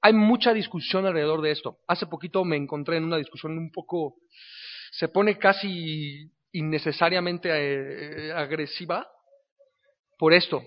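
A man's voice: fairly high pitch, normal speed. A man giving a casual teaching sermon, talking to the listener conversationally and often checking in with questions. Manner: conversational, keeps asking the listener "¿no?". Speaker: preacher. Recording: dull sound with long reverb.

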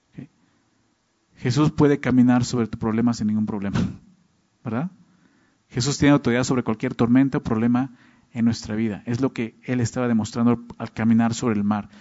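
A man with a medium-pitched, slightly mellow voice preaches a Bible-teaching sermon conversationally. He constantly checks in with listeners through short tag questions like "¿no?" and "¿verdad?", captured in a dull lo-fi recording.

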